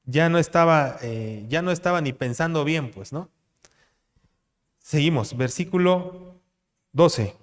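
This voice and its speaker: A man teaches from the pulpit, his voice pitched somewhat high and carried by the long reverb of a large hall. He keeps checking in with listeners through rhetorical questions. When he reads the verses he slows and grows louder. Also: lively intonation. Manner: asks rhetorical questions, tags lines with "¿no?"; reads scripture aloud slower and louder. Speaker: pastor. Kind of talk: expository sermon.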